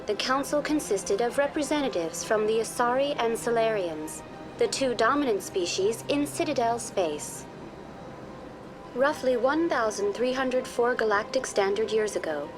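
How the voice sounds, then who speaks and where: Casting: actress as polite artificial intelligence guide for a sci-fi game, female, fairly high voice, formal informational delivery, music underneath. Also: lightly acted. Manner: formal, polite, measured, impersonal. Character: courteous female virtual intelligence tour guide on a space station. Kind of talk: scripted informational game dialogue.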